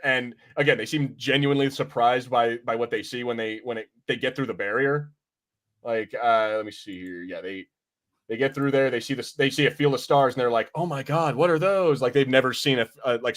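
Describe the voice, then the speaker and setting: On a podcast, a male host rambles through a casual review chat, acting out imagined lines. His voice is mid-range and a bit bright.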